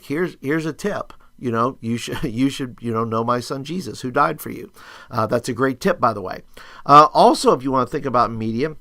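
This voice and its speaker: An upbeat man with a youth pastor's conversational way of teaching. His voice sits at a medium pitch in a dry recording. He works through ideas aloud, posing questions and checking in as he goes. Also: a bit bright, no echo. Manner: thinks aloud, asks and answers own questions, often adds "right?". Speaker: youth ministry teacher and video host. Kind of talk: casual instructional screencast talk.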